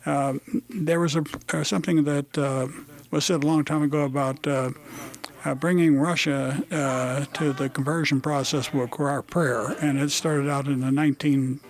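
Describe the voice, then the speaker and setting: A man hosting a radio talk show, interviewing guests in a casual, halting way with many fillers and restarts. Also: a little high, fairly even intonation. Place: radio studio.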